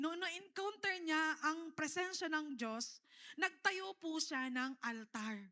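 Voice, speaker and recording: A woman's voice: high-pitched, pushed and bright. A middle-aged woman pastor with a Filipino accent, preaching a sermon to a congregation, calling out to them again and again. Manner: preaching in mixed Tagalog and English, with repeated calls to the congregation. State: tearful.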